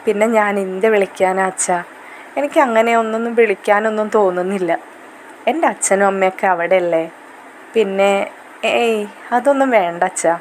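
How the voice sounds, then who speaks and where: A woman voicing a gentle, dutiful young daughter who speaks softly and reassuringly to her father in a retold serial story. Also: mid-range voice, normal speed, pauses often, a little hiss or hum, natural voice.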